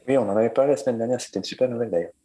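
A man's voice: mid-range voice, very fast, dark tone. A man interviewing a guest in casual, conversational talk. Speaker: podcast co-host, interviewer.

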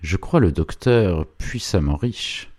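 A man voicing an old village priest with a gently insinuating, persuasive manner, in an audiobook reading. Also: low voice, expressive, slow pace, no room sound, studio quality, heavily acted. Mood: earnest.

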